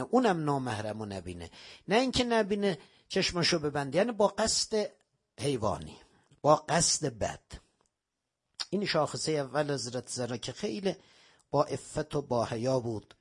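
A man preaching a sermon, telling religious stories dramatically, swinging between raised exclamations and hushed lines. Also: fairly high pitch, breathy edge.

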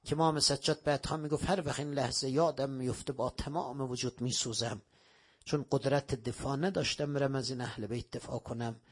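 A man preaching a sermon, telling religious stories dramatically, swinging between raised exclamations and hushed lines. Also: medium pitch, fairly even intonation, breathy edge.

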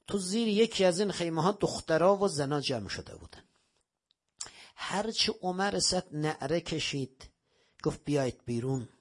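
A male preacher with a slightly high, husky voice delivers a sermon. His storytelling is dramatic, rising to loud cries and then dropping low. He speaks with a preacher's practiced rhythm. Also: expressive.

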